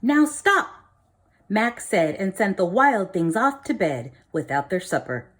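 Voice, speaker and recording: A woman reading a picture book aloud, expressive, dropping low and soft for dramatic lines. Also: measured pace, slightly rough. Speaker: storybook reader.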